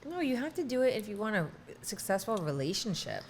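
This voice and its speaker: A woman's voice: medium pitch, very animated, fairly quick, a little hiss or hum. A woman co-hosting a podcast, talking bluntly and frankly in casual chat. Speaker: podcast co-host.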